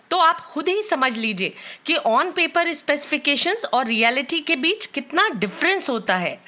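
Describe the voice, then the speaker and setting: Bright, high-voiced Indian woman reviewer. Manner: clear, matter-of-fact explaining. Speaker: tech reviewer. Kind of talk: product review narration. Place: bedroom at home.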